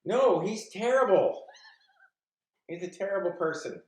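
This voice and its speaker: A man's voice: high voice, sing-song, unhurried. An older man, chatting casually as a guest and giving dry, blunt opinions. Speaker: streamer's father, guest. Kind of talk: casual chat. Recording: echoey room.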